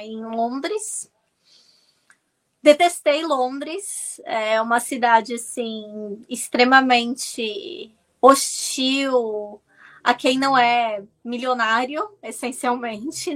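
A woman from Brazil, in her thirties, telling stories as an interview guest, animated and often restarting her words. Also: fairly high pitch. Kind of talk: casual storytelling.

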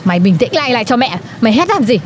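Woman doing a nagging middle-aged mom, high, swoops up and down, faint music. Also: very animated, very fast, a little hiss or hum. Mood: exasperated. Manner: nagging, exasperated scolding. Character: scolding middle-aged mother, nosy shopkeeper. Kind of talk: comedy sketch acting.

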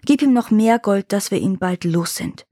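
A woman's voice: mid-range voice, lively intonation, normal speed, warm tone, no echo, studio quality, natural voice. A woman voicing a strong but timid young male dragon who is easily frightened, speaking in a worried, pleading way.

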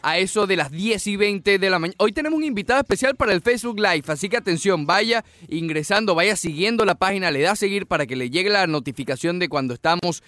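A man hosting a sports radio show from a studio booth, joking and teasing in quick banter with his co-host. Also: sits high, lively intonation, fairly bright tone, dry recording.

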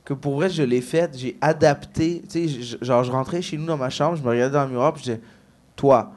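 A man's voice: medium pitch, fast. A man with a Québécois French accent who learned the language as a newcomer, telling stories in a casual podcast chat and acting out the people he quotes. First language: not French. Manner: animated storytelling, acting out quoted voices. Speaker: comedian guest.

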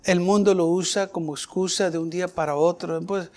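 Un predicador de voz notablemente aguda que da un sermón con énfasis. Cuando cita las escrituras alarga cada palabra con lentitud solemne, y luego retoma el ritmo de la exhortación. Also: male voice, high voice, fairly even intonation, a little mellow. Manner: emphatic, slows down sharply on scripture quotes. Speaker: preacher. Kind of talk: sermon.

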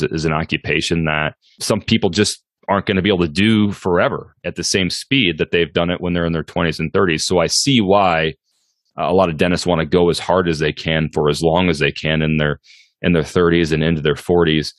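A man in his forties hosts a solo podcast, talking casually and reflectively while circling back and qualifying his points. His voice is low-pitched, and the studio-quality audio has no echo.

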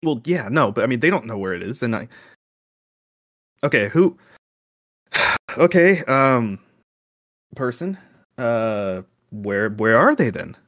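Rattled adventurer son, played by a man, halting, sarcastic, close dry sound, improvised tabletop fantasy. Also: medium pitch, very animated, fairly bright tone, no echo, heavily acted. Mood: lost, flustered. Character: rattled, sarcastic son lost and searching for friends. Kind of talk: improvised tabletop role-play.

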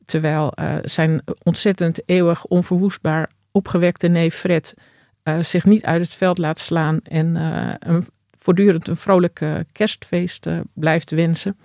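A woman's voice: fairly low pitch, steady tone, a little slow, a little mellow, no room sound, studio quality. A woman translator talking as a guest in an interview, hesitant and full of fillers. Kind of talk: casual interview talk.

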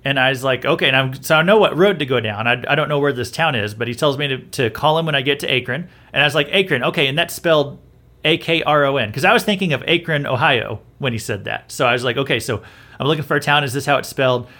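A man's voice: mid-range voice, fast, sharp tone. A man hosting a podcast, talking through news in a casual, opinionated way, often restarting his sentences. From southern United States. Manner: conversational, repeats himself and restarts often. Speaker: podcast host. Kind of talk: opinionated commentary.

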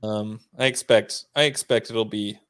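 A man on a sports podcast, calmly and briefly agreeing and adding a point. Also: lowish voice, measured pace. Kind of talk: casual sports chat.

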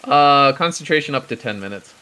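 A man's voice: mid-range voice, animated, brisk, bright, forceful tone, smooth. A man talking casually as a player in a tabletop role-playing game, describing his character's actions.

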